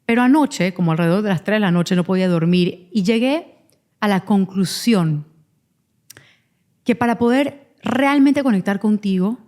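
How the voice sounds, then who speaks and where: A woman's voice: medium pitch, expressive, normal speed, darkish tone. A woman hosting a podcast, telling a painful personal story frankly and openly, with restarts as she goes. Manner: frank, confessional, openly vulnerable; rambling restarts while recounting. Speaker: podcast host; mother of twins.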